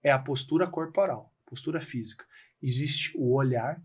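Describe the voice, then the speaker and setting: A Brazilian man speaking as a guest on a podcast, explaining things in an animated way and acting out little bits of dialogue. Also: mid-range voice, normal speed, breathy edge. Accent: Brazilian Portuguese. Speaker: podcast guest, real estate trainer. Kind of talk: casual podcast conversation.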